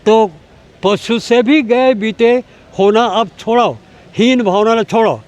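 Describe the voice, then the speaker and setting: A man's voice: sits high, takes it slowly, darkish tone. Emphatic older Chhattisgarhi man. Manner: emphatic, rhetorical, lecturing. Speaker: language activist. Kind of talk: impassioned interview answers.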